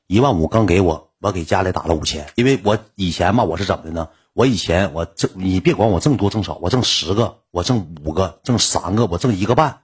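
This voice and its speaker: A man's voice: deep voice, expressive, a little fast, hardly any pauses. A man with a Northeastern Chinese accent who tells his own story to viewers in a blunt, colloquial way. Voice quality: very husky.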